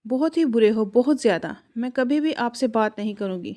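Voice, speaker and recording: A woman's voice: on the high side, expressive, mellow, natural voice. A woman voicing a childish, stubborn young bride who whines and protests in a storybook reading. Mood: petulant. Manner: petulant, whiny.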